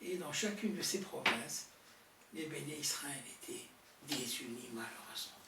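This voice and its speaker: A man's voice: mid-range voice, normal speed. A man rabbi teaching a Torah lesson to a live audience, quizzing them with questions and stressing key words. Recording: roomy hall from a distant mic, faint noise.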